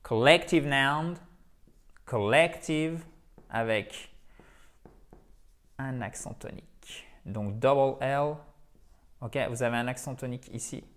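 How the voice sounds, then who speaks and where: A man's voice: medium pitch, steady tone, a little slow, pauses often. A native French-speaking man giving an English grammar lesson, explaining patiently and often correcting himself. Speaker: English teacher.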